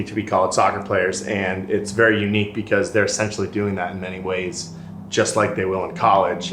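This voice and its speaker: A man's voice: low-pitched, echoey room, noisy background. A man on a soccer program staff, explaining earnestly in a documentary interview.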